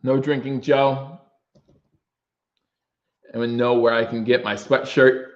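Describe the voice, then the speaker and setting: A man's voice: medium pitch, takes it slowly, reverberant, muffled recording. A young man hosting a fan livestream, giving emotional play-by-play and reading out chat comments. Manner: emotional, swinging from choked-up talk to excited calls; reads out viewer chat comments. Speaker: livestream host.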